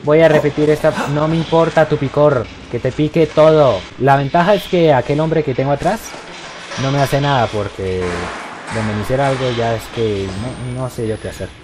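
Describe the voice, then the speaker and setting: A man's voice: medium pitch, moderate pace, background noise. A man doing let's play commentary on a horror game, joking and talking back to the characters on screen. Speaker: gameplay commentator.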